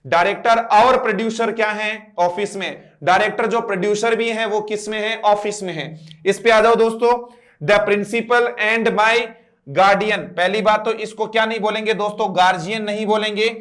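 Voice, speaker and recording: An Indian-accented man with a high voice teaching a grammar class. He works through each example step by step, quizzing his students and spelling out words one letter at a time. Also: steady tone, a little fast, fairly bright tone. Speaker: English teacher.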